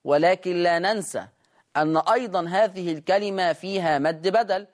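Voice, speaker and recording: A man with an Egyptian accent teaching Quran recitation in a recorded lesson, explaining quickly and then slowly drawing out and repeating each recited word. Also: high voice. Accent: Egyptian Arabic.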